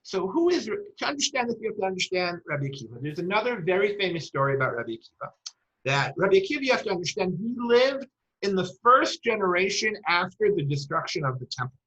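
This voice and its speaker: A woman teaching a lecture with a bright, forceful voice, working Hebrew terms into her English as she tells old stories. The recording sounds dull and lo-fi. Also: fairly low pitch, very animated, fast. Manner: storytelling, retells quoted dialogue.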